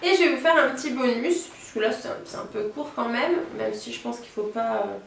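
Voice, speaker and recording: Woman, language teacher, patient, slow repeats, roomy sound, faint background hum. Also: on the high side, animated, vocal fry, fairly bright tone. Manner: patient, spells out each word slowly and repeats it. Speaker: Italian teacher. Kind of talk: beginner language lesson. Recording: roomy echo, voice a bit off-mic, faint ambience.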